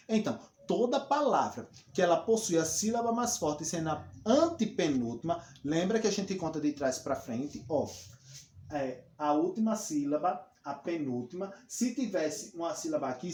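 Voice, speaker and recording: A man's voice: high voice, a little mellow. A male teacher with a Brazilian Portuguese accent, giving a recorded lesson and explaining patiently, with frequent checks like "ok?". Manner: explains patiently, repeats points, checks with "ok?" and "tá bom?". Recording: echoey room with faint noise.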